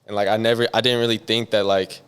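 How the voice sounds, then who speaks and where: A man's voice: on the low side, quick pace, clean tone. A young man from San Diego, a music producer talking casually in an interview, rambling with lots of "like". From San Diego, USA. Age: young adult. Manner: relaxed, rambling, heavy on "like".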